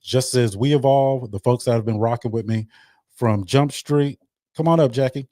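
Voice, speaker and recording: A man's voice: mid-range voice, fairly quick, dark tone, no echo, clean studio sound. A man hosting a casual livestream chat, loose and talkative, often repeating his words. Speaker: host.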